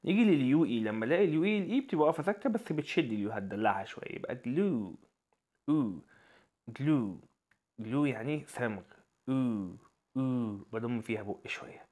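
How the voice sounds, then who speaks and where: A man with an Egyptian Arabic accent teaching English pronunciation in an online lesson, repeating example words slowly and lifting his voice on key sounds. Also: medium pitch, lively intonation, dark tone.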